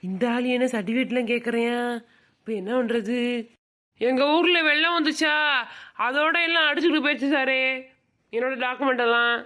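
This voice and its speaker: A woman's voice: high voice, moderate pace, pauses often, sharp tone. A woman voicing a cheeky young village woman in a cartoon comedy, chatty and cheerful, with a Madurai Tamil accent. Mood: pleading.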